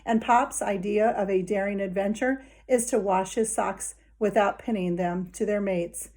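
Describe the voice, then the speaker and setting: Unhurried and steady, a woman's mid-range, slightly mellow voice reads a children's novel aloud, speaking to young listeners in a warm, conversational first-person manner.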